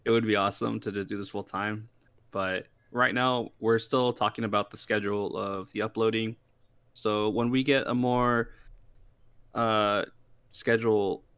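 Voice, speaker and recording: A young man co-hosting a podcast, talking in a relaxed, rambling way with plenty of fillers. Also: fairly low pitch, dry recording. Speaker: podcast co-host. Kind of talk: casual chat.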